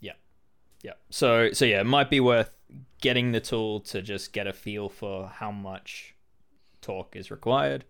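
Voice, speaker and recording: A man's voice: lowish voice, measured pace, gravelly, fairly bright tone, clear, resonant tone. A man co-hosting a podcast, chatting casually and thoughtfully, with lots of "um" fillers. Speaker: podcast co-host.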